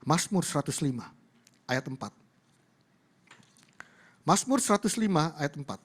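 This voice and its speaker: Male pastor, sermon, emphatic, slightly high voice, church in a mall. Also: lively intonation, a little slow, husky. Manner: emphatic, repetitive congregational address.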